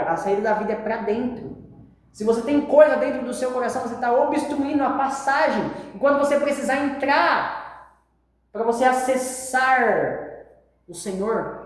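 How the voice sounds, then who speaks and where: A woman's voice: mid-range voice, a little mellow. A woman with a Brazilian accent gives an informal Bible lesson in a mid-range voice. She drops into slang and drives her points home by repeating them. The recording is heavily echoey, as if made in a bare, hard-walled room. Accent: Brazilian Portuguese. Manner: slangy, emphatic, repeats phrases. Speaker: preacher.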